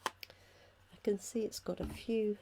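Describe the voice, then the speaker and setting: Female craft demonstrator, croaky and hoarse, soft dark tone, casual step-by-step chat, faint background noise. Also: mid-range voice, a little slow. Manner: chatty, talking through each step while working. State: hoarse from illness. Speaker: craft demonstrator hosting a live stream. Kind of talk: casual live craft tutorial. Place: at a craft table indoors.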